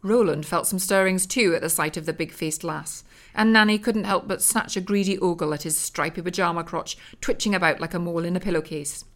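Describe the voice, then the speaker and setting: Woman narrator, comic audiobook, deadpan, lower voice. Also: brisk.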